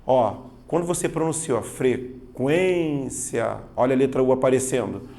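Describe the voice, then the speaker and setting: A man's voice: mid-range voice, lively intonation, fast, warm tone. A man teaching a grammar lesson for exam preparation, explaining patiently and often checking that students follow. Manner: patient, explanatory, keeps checking understanding with "tá vendo?" and "certo?"; leans on stressed spoken examples. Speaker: Portuguese teacher.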